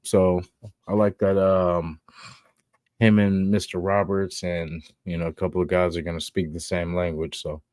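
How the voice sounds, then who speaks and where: Low, dry-sounding podcast co-host. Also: male voice, moderate pace, no room sound. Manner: relaxed, hedging talk with frequent "you know what I'm saying". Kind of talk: casual sports podcast chat.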